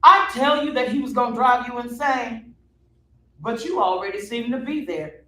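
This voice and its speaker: A man's voice: very high-pitched, normal speed, bright, forceful tone, full character voice. An actor playing a sly, mocking young male god in a stage reading, teasing with witty wordplay. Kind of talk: stage reading of a musical play. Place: theater stage. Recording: roomy echo from a distant mic.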